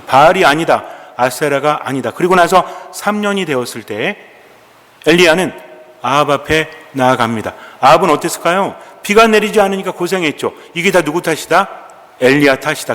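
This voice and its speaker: Fairly high-voiced priest in an echoing church. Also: male voice. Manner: storytelling, asking the congregation questions and answering them; colloquial and animated, acting out quoted dialogue. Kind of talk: sermon. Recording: long echoing church reverb.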